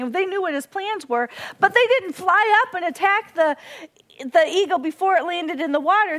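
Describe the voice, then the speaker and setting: High-voiced woman giving an earnest devotional. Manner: earnest, animated storytelling with imitated bird cries. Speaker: devotional speaker. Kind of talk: devotional talk with storytelling.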